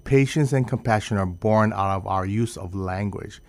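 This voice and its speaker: A man's voice: fairly low pitch, moderate pace, darkish tone. A man hosting a radio interview, talking earnestly with stumbling restarts. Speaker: radio host.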